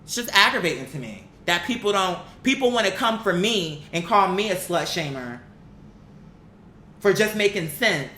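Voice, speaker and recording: This online commentator has a medium-pitched, pushed and bright voice with lively intonation and a moderate pace. Her casual commentary is blunt and opinionated, delivered with exasperation and emphasis, free swearing, and rhetorical questions. An echoey room adds faint background noise.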